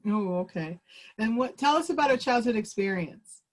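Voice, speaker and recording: A woman with a fairly high voice runs a virtual group exercise over a video call. She is chatty and upbeat and laughs easily as she draws people out. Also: lively intonation, moderate pace. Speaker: workshop presenter.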